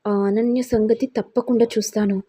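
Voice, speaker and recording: A woman voicing a caring older mother who gently advises her son. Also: fairly high pitch, steady tone, fairly quick, breathy edge. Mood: advising.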